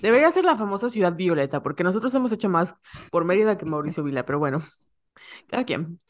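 A woman's voice: fairly low pitch, very animated, fast. A woman with a Yucatecan Spanish accent co-hosting a podcast, chatting in a playful, giggly, self-mocking way. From Yucatán, Mexico. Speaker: podcast co-host. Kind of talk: casual chat.

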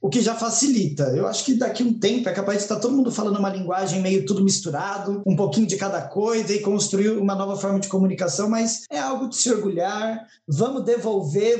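A man's voice: high-pitched, a little mellow, reverberant. A man with a Brazilian Portuguese accent, co-hosting a podcast in casual, playfully dramatic chat. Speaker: podcast co-host.

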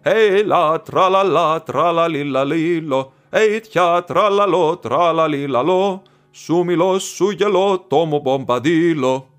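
A man reading an audiobook, singing the part of a jolly, carefree male forest dweller in a raised, loud, drawn-out sing-song voice. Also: on the high side, clean tone, faint music behind, voice pushed up, close to an everyday voice. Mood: merry singing. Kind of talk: audiobook reading, sung nonsense verse.

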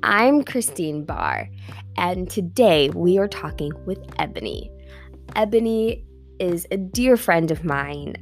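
A woman's voice: fairly low pitch, gravelly. A woman hosting a casual podcast, chatty and giggly with plenty of ums. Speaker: podcast host.

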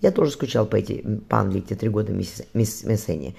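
A man's voice: on the low side, expressive, fast talker, creaky, husky, exaggerated voice. A man reading as a shy teenage boy. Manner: gentle, bashful.

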